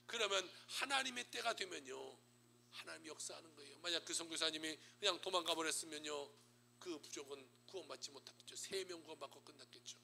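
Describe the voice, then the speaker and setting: Bright-voiced Korean pastor preaching dramatically. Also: male voice, on the high side, animated, a little fast, vocal fry, slight background noise. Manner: dramatic storytelling, swings between loud and hushed. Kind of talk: sermon.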